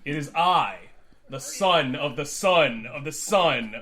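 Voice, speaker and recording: A man voicing a regal lord of great ancestry in a booming, commanding warrior-king manner. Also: expressive, takes it slowly, pushed and bright, full character voice. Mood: grand, proclaiming.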